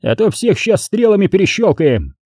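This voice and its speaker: A man's voice: a little high, sing-song, measured pace, mellow, dry recording, clean studio sound, voice pushed up, heavily acted. A man voicing a blunt old war commander who barks orders and grumbles. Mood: commanding.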